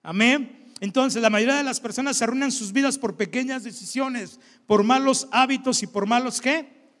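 A pastor preaching in a conversational, back-and-forth way. He tosses questions at his congregation. His voice sits high for a man, and it rings out with a long church-hall echo. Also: moderate pace, a bit bright. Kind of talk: sermon.

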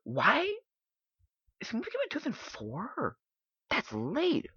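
A man hosting a podcast in casual chat, rambling and halting as he thinks aloud. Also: extremely high pitch, huge pitch swings, pushed and bright, slightly rough, no room sound. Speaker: podcast host. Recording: dull lo-fi dry sound.

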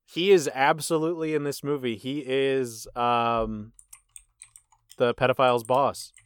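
Brief: male podcast host, smooth resonant voice, dry close sound, wry quizmaster delivery. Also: mid-range voice, fairly even intonation, unhurried, no room sound. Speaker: quiz host of a movie podcast. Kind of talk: casual podcast chat.

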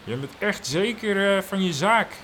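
Man doing a teasing talking boat, lifted pitch, knowing and calm. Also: normal speed, slight background noise. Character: wooden boat, calm and certain, male.

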